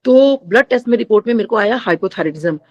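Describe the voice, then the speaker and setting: A woman's voice: a little high, lively intonation, brisk, muffled recording. A middle-aged woman tells a spiritual testimony to a gathered congregation. She speaks to them directly and often, slipping English phrases into her Hindi. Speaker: devotee sharing a testimony.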